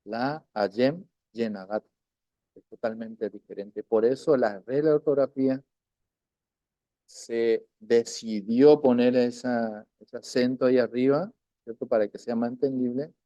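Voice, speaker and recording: A man's voice: medium pitch, fairly even intonation, dark tone, no echo. Patient man teaching pronunciation, dull lo-fi. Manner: patient, repeats words slowly, frequent "¿no es cierto?". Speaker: language teacher. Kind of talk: recorded language lesson.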